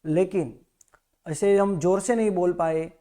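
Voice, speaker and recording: A man teaching a Jain prayer in Hindi, pronouncing each syllable slowly and correcting common mistakes. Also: sits high, fairly even intonation, dark tone. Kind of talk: slow recitation lesson.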